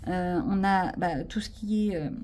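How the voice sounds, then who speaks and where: A woman's voice: lowish voice, a little slow, darkish tone. A woman with a French accent chatting casually to camera about her sticker and craft haul, self-mocking and full of fillers. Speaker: vlogger showing a craft haul.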